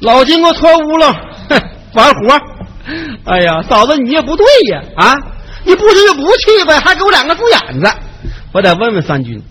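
A man's voice: extremely high pitch, huge pitch swings, brisk, pushed and bright, long reverb tail, a little hiss or hum, heavily acted, rough recording. A man playing a blustering comic general who wails and jokes in a folk stage comedy. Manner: boisterous, wailing, joking. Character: blustering comic male general, sobbing for help. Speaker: errenzhuan comic performer.

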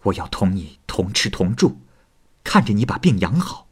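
A man voicing a devoted fox spirit woman who scolds in a soft, hushed way. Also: lowish voice, very animated, normal speed, breathy edge, full character voice. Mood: hushed concern.

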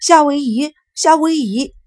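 A woman voicing an excitable, whiny young boy who is the little brother, speaking high and pleading. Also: normal speed, lightly acted. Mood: whiny, excited.

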